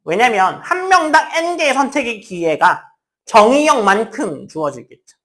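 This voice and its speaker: Woman, math teacher, classroom lecture, animated pitch, casual tone with students. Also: moderate pace. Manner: lively, talks to students in casual speech, acts out student lines.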